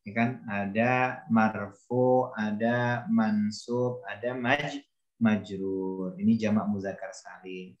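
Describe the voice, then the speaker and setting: A man's voice: on the low side, steady tone, takes it slowly, muffled recording. Man teaching grammar in an echoey room. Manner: explains patiently, repeats examples, quizzes students by name. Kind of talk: classroom lesson.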